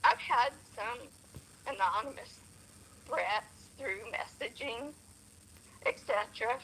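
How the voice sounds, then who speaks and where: A woman calling in by phone, telling a personal story in a soft, apologetic, emotional way. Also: on the high side, takes it slowly, a little hiss or hum, poor audio. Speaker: phone-in caller. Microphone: phone on speaker.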